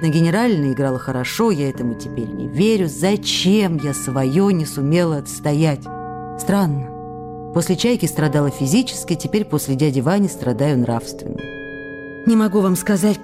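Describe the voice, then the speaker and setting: An actress in a radio drama portrays a young stage actress, emotional and affectionate, reading her candid letters with expressive intimacy. Her voice is low-pitched, and the mood is anguished and dejected.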